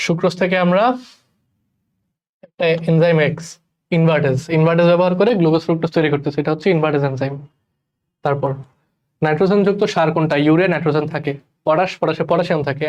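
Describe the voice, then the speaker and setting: Young guy from bangladesh racing through chemistry mcqs, repeats stuff, a bit high voice. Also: darkish tone, highs cut off. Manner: rushed, repeats key terms, addresses students as brother. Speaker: chemistry tutor. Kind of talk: rapid exam-prep lecture. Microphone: recorded voice-over for class slides.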